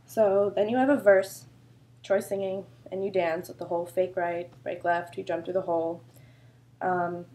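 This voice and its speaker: In a casual dance instruction video, a woman choreographer with a sore throat explains a routine in a loose, chatty way packed with fillers. Her voice is lowish and warm, with a steady tone and moderate pace.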